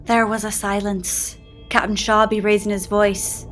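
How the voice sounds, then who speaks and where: Female narrator for a pirate tale; measured read-aloud delivery, middle pitch, music bed behind. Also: flat delivery, a bit bright. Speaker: storyteller. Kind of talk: scripted story narration.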